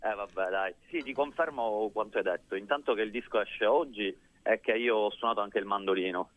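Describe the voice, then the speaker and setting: A man's voice: fairly low pitch, fairly quick. A man with a Sicilian accent giving a casual radio interview as a musician guest, hedging often as he talks over a phone line. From Sicily, Italy. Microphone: phone call. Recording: tinny phone line, roomy.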